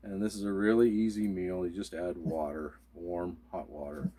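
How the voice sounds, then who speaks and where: A man's voice: low-pitched, little pitch movement, normal speed, dark tone. A man co-hosting a casual prepping video, explaining supplies in an easygoing, step-by-step way. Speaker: co-host of a prepping channel. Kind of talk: casual demonstration chat.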